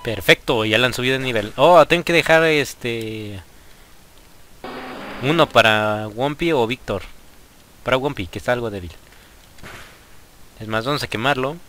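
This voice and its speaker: A man's voice: mid-range voice, normal speed, long pauses, slight background noise. A young man with a Mexican accent giving casual let's play commentary, talking to his viewers and exclaiming at the game. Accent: Mexican Spanish. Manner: excitable, frequent exclamations at the game. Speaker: gaming youtuber.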